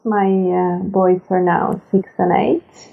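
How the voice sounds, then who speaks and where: A woman, a chef guest on a podcast, answering in a measured way with many hesitations. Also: fairly low pitch, steady tone, vocal fry, slight background noise. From Serbia. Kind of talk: interview answers. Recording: tinny phone-like line.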